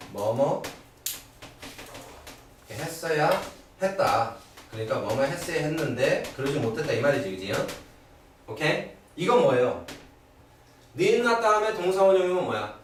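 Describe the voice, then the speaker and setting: A middle-aged man teaching English grammar in a live classroom lecture. He keeps asking his students quick rhetorical questions to check that they follow. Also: mid-range voice, distant mic, background noise. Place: classroom at a cram school. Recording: echoey room, voice from afar, old video.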